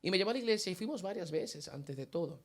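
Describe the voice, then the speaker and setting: A man's voice: high-pitched, lively intonation, quick pace. A man giving a personal faith testimony in an interview, telling his story vividly and acting out the dialogue he quotes.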